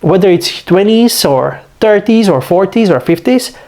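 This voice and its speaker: High-pitched and darkish in tone, the voice is animated yet unhurried. A twenty-something man from Slovakia, a bit sick, rambles through a casual vlog in Slovak-accented English as channel host, leaning heavily on "like" and "you know."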